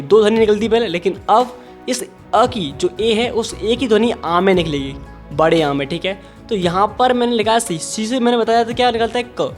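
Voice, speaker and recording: A man with a Hindi accent teaching English phonics to Hindi speakers, explaining patiently step by step and often checking in. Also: high voice. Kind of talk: phonics lesson.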